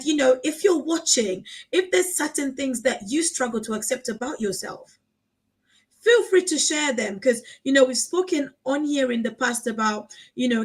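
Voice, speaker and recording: A woman from Africa hosting a casual live conversation, talking in an animated, encouraging way and repeating phrases for emphasis. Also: high voice, low-quality recording. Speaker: host.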